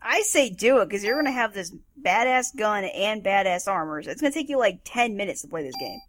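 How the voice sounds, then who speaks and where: A woman's voice: mid-range voice, lively intonation, brisk. A woman chatting as co-commentator on a game playthrough, teasing and laughing a lot.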